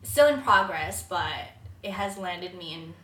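Slow-talking woman, echoey and off-mic. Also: fairly low pitch, animated, a bit bright, recorded from a distance. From Philippines. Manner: unhurried, many "um"s, frequent laughter. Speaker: podcast guest. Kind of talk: casual interview chat.

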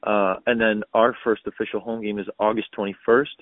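A man in his thirties, a pro soccer player talking as a podcast guest, halting and repeating words as he thinks. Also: fairly low pitch, flat delivery, no room sound. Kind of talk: casual podcast interview. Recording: tinny phone-like audio, dry.

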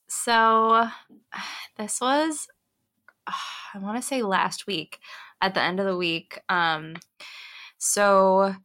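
A young woman co-hosting a casual podcast, telling stories animatedly and acting out her children's voices. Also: medium pitch. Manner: animated storyteller, acts out her kids' voices. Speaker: podcast co-host. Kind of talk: casual chat, storytelling.

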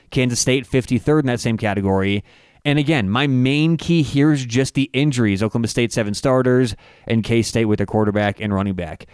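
A man giving a casual, stat-heavy breakdown of college football betting lines, often halting and restarting as he talks. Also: mid-range voice, darkish tone, smooth, no echo, clean studio sound. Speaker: sports betting analyst. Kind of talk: casual analytical sports chat.

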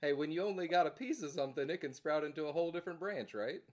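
An easygoing male host chats in a relaxed, agreeable way and often drops in short agreements. His pitch moves freely and sounds animated. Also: racing. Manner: easygoing, agreeable, frequent backchannel. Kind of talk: casual conversation.

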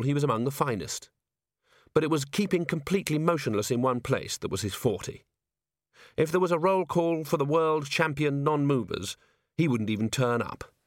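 A man reading an audiobook as its narrator in measured storytelling. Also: medium pitch, dry recording, clean studio sound. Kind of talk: scripted narration.

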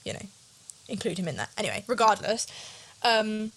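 A woman's voice: mid-range voice, expressive, moderate pace, breathy edge. A nervous young woman co-hosting a casual podcast, rambling and self-conscious as she chats. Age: young adult. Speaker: podcast co-host. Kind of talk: casual chat.

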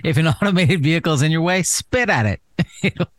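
A man hosting a podcast panel chat, talking in a quick, joking, teasing way. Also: a little high, expressive, no echo. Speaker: podcast host.

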